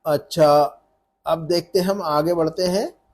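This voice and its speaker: A man's voice: fairly high pitch, steady tone, a little slow, a little mellow. A man teaching a live class, patient, repeating words to drill pronunciation. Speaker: Arabic teacher.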